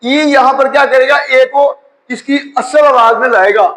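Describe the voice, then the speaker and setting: A man. His tone is bright and forceful. He goes slowly, repeating each word and spelling it out letter by letter. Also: very high voice, fairly even intonation, rough recording. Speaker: English teacher. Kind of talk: spoken grammar lecture.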